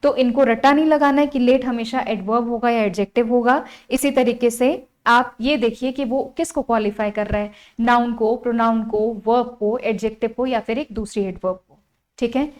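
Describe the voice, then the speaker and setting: A woman's voice: a little high, steady tone, normal speed. Indian woman teacher explaining grammar. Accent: Indian English. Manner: explains step by step, asks questions and answers them herself. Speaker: English teacher. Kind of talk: classroom grammar lesson. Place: classroom with a board.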